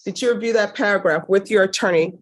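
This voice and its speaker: A woman judge running formal courtroom proceedings in a brisk, firm, stern manner, heard in a courtroom recording. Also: medium pitch, low-quality recording.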